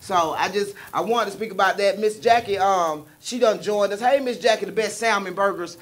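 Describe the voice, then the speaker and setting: A woman's voice: medium pitch, fairly quick. A woman from the American South with a Southern drawl, hosting a casual live chat in a blunt, emphatic, profane way. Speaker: talk show host.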